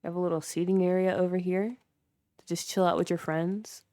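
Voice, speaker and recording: A young woman livestreams a casual, chatty tour of her game build, peppering it with fillers as she talks with viewers. Her fairly low, mellow voice stays flat and moves fairly quickly. The recording is dry and studio-clean.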